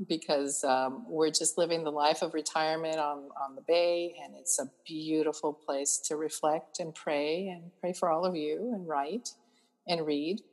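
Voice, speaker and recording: A retired grandmother born in Cuba speaks as a guest author in a casual conversation, recounting her family story with plenty of fillers. Her older woman's voice is low-pitched and steady, at a normal speed.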